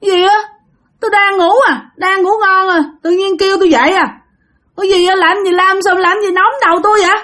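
A woman voicing a startled old grandfather who protests in quick, flustered questions. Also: extremely high pitch, steady tone, sharp tone, pitched above the performer's own voice.

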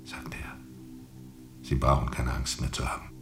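An actor playing a haunted sea captain in a radio drama, brooding and intense, moving between whispers and forceful declamation. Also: male voice, rumbling low, monotone, normal speed, vocal fry, music in the background. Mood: whispered, haunted. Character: haunted, feverishly intense sea captain recounting a jungle ordeal. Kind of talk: German radio drama monologue.

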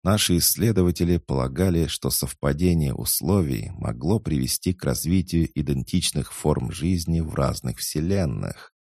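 A man voicing an ancient, calm male alien in an audiobook, speaking in a measured, unhurried way. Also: extremely low pitch, vocal fry, no room sound, studio quality, heavily acted. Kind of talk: audiobook character reading.

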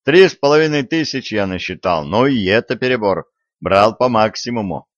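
A man voicing an eager young man who pitches his plans in a brisk, raised voice. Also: lively intonation, no room sound, close to an everyday voice. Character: eager young man, bold schemer, upbeat. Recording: dry, dull lo-fi audio.

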